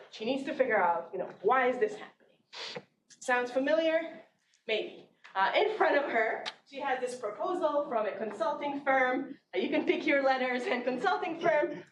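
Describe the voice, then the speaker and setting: A woman professor lectures to a classroom, her voice set a little high and easygoing, full of fillers and restarts. She is picked up from a distance, so the room echoes around her. A steady noise sits under the recording. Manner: conversational with frequent fillers and restarts. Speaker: marketing professor. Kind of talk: conference lecture presentation. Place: large classroom.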